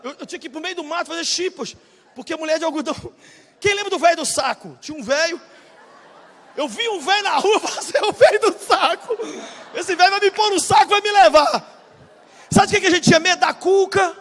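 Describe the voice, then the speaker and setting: High husky brazilian preacher guy, 40s, yelling then going quiet, big echoey church. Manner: shouting bursts, then dropping low and confiding. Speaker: pastor. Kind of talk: energetic sermon. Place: large church hall, live audience. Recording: reverberant church hall.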